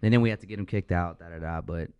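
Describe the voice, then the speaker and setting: Low-voiced DJ talking fast. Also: male voice, clean tone, no echo, muffled recording. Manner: laid-back, profane, rambling with restarts. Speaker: DJ guest. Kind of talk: casual interview chat.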